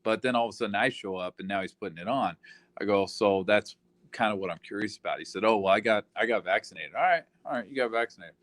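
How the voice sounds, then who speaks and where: Low-voiced man ranting, profane and rambling, on a close dry mic. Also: fast, fairly bright tone, dry recording. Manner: profane, rambling, heavy fillers. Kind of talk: casual ranting monologue.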